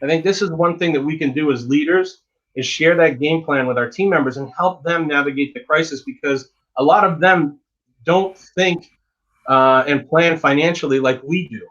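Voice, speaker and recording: A man's voice: a little high, moderate pace, fairly bright tone, lo-fi sound. A dentist giving frank, emphatic advice in a casual interview, often repeating words as he talks.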